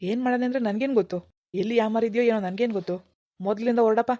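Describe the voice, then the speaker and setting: Cartoon: woman doing a gruff sneering shopkeeper, rapid, dry, dark. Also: on the high side, dry recording, natural voice. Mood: scornful. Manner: gruff, dismissive, shooing people away. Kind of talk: animated cartoon dialogue.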